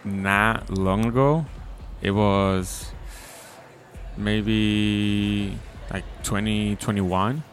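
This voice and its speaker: A man's voice: on the low side, steady tone, drawn-out words, a little hiss or hum. A man in his twenties from the Dominican Republic, a guest DJ chatting casually at an outdoor festival with lots of likes and ums. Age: 20s. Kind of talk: casual interview. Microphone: handheld mic.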